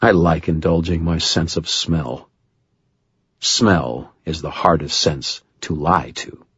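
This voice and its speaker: A man's voice: very deep voice, slow pace, a bit bright, husky, no echo, lo-fi sound. A man narrating a first-person audiobook with wry, dry humor.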